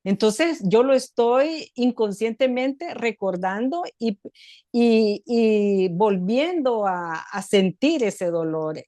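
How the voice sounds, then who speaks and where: A woman's voice: on the high side, expressive, slow pace, warm tone, no echo. A middle-aged woman hosting a reflective talk, explaining ideas step by step and asking and answering her own questions. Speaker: host. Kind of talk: reflective talk on emotional growth.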